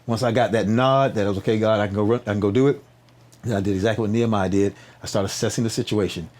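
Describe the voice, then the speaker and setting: A nonprofit founder appears as a podcast guest, his voice fairly low, fast, and darkish with fairly even intonation. In this interview he tells animated stories conversationally, using preacher-like emphatic repetition, rhetorical questions, and frequent check-in tags.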